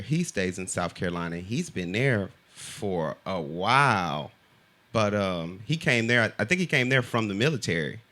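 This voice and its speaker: A man's voice: fairly low pitch, a bit bright. An American man interviewing in a casual, slangy way, feeling his way into questions.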